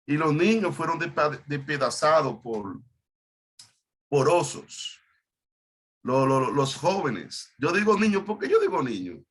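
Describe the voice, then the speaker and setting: A man's voice: a little high, big pitch swings, measured pace, a bit bright. A male pastor leading an online Bible study, stopping often and repeating words as he explains Hebrew terms.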